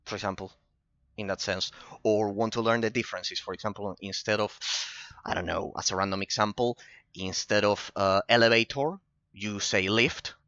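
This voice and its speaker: An Argentine man with a Spanish accent chats casually with viewers while playing, repeating himself and laughing. His voice is low and bright, recorded close on a dull, dry mic. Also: steady tone, normal speed, no echo. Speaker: gaming streamer. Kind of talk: casual chat over gameplay.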